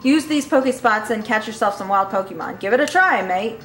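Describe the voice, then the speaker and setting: A woman's voice: a little high, lively intonation, brisk, a bit bright, roomy sound, faint music behind. A woman voicing a boastful male inventor, reading game text aloud in a showman tone and now and then stumbling over words.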